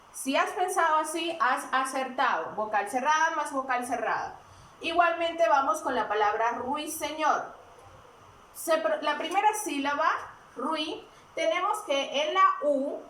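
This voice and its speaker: A woman teaches a grammar lesson, slowly and patiently, answering her own questions. She is recorded from some distance in an echoey room. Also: sits high, fairly bright tone, a little hiss or hum.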